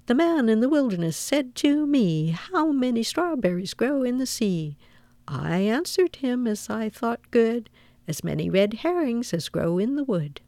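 Woman voicing Squirrel Nutkin, a high, singsong cheeky squirrel. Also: animated, moderate pace, few pauses, darkish tone, no echo. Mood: taunting, singsong. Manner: singsong, taunting rhyme. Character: cheeky, impudent young male squirrel singing riddles. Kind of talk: storybook character reading.

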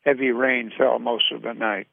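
A man gives a measured, sombre reading in a voice thick with gravel. The sound is narrow and phone-like, dry with no room around it. It sounds like a radio reading. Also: mid-range voice, level tone, no echo. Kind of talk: literary reading.

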